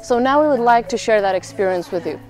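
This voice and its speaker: A woman's voice: fairly high pitch, animated, quick pace, soft background music. Chatty teenage girl giving a school tour. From Czech Republic. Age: teens. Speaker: student tour guide.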